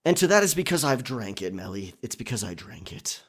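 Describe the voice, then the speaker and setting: Speaking a little fast in a husky, sing-song mid-range voice, a man hosts a casual Q&A for his listeners. He's an audio roleplay creator and channel host, and his manner is conversational and chatty.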